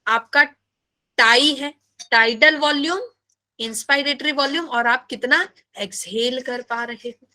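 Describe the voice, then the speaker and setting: A woman teaching biology in a live class, animated and playful, often asking her students questions. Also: high-pitched, a little slow.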